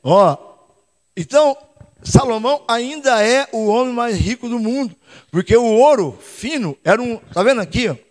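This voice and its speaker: With an extremely high-pitched voice at normal speed, a Brazilian pastor energetically preaches and urges the congregation to reply. His delivery shifts from shouting to quiet asides, echoing with the long reverb of a church hall.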